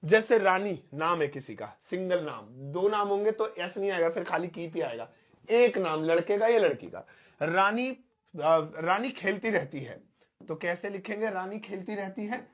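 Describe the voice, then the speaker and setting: A man's voice: high voice, expressive. A man, teaching English grammar in a chatty way, stretching out and repeating his example sentences. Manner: explains slowly, spelling out words and repeating examples. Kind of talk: spoken English lesson explained in Hindi.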